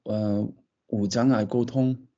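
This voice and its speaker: A man, a foreigner and native English speaker, speaking halting Mandarin with a foreign accent as a student in a casual interview. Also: mid-range voice, steady tone, dark tone, highs cut off. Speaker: language student being interviewed. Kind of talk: casual interview in a second language.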